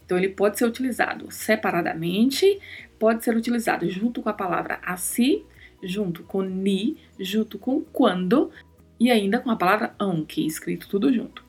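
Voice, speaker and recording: A woman whose first language is Portuguese hosts a podcast and teaches Spanish in a careful, scripted lesson, spelling out words and sounds. Her voice is mid-range with a breathy edge, her pace moderate, and faint music plays behind her.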